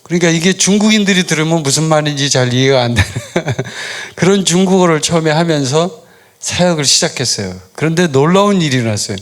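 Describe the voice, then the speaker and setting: A middle-aged man, a pastor, preaching a sermon in a relaxed storytelling way, asking questions and answering them himself. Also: fairly high pitch. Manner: storytelling, conversational, asks and answers his own questions. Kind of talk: sermon with personal stories.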